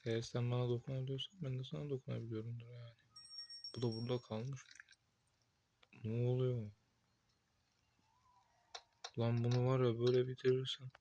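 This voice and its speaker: A young man playing a horror game, talking to himself with excited outbursts and cursing at the game. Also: medium pitch, brisk, pauses often, noisy background. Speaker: gameplay streamer. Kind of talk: casual gameplay commentary.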